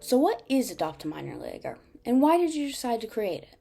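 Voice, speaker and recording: A woman's voice: a little high, huge pitch swings, brisk, creaky, dark tone, soft background music. A young woman reading an earnest scripted narration and asking interview questions. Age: young adult. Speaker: student video host and interviewer.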